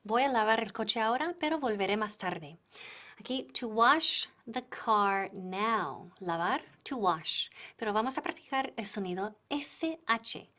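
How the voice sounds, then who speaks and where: A woman teaches English to Spanish speakers at an unhurried pace, switching between English examples and Spanish explanations. She breaks each point down step by step and models sounds for the listener to repeat. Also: mid-range voice, lively intonation, pushed and bright. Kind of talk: bilingual classroom-style lesson.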